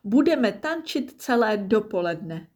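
A woman's voice: medium pitch, sing-song, a little mellow, pitched above the performer's own voice. A woman voicing a young girl crocodile in a children's story, whiny and pleading. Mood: eager.

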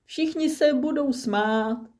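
A woman voicing a small, timid boy penguin who is cold and scared, speaking in a high, pleading voice. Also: a little mellow, natural voice.

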